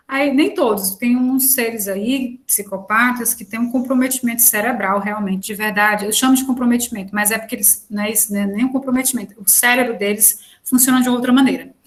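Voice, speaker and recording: Woman, online lecturer, slightly high voice, chatty delivery with fillers. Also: fairly bright tone. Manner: conversational, frequent fillers and restarts.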